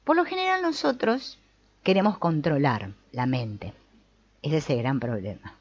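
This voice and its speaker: A woman giving an expressive spiritual teaching talk, often checking in with her listeners. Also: sits low, measured pace, muffled recording. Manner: expressive, asks listeners for agreement, laughs between points.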